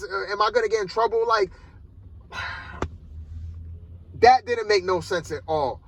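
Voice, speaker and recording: A man talks through a film review in a laid-back, meandering way, leaning on "like" and "man" as he goes. His voice sits high and has a sharp, bright edge. He is recording from the driver's seat of his car. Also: dry recording, low-quality recording. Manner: rambling and loose, peppered with "like" and "man". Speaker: movie reviewer. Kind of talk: casual spoken film review. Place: inside a parked car.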